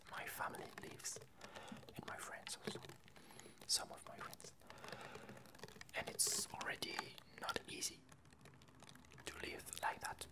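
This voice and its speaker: This is a young French ASMR video creator whispering casually. Her accent is French, and she often stops and hesitates as she talks.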